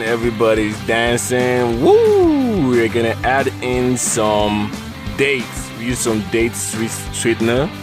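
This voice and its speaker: Deep-voiced man jokily narrating a recipe over music. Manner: playful, goofy, repeats phrases. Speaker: cooking video narrator. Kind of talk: casual, jokey recipe voice-over. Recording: loud guitar music behind voice. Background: loud plucked guitar music.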